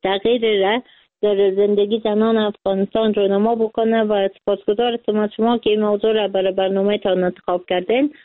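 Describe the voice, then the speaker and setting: A woman who is a guest on a radio show, giving formal, polite closing remarks with hesitant pauses. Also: medium pitch, level tone, no echo. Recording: tinny phone line.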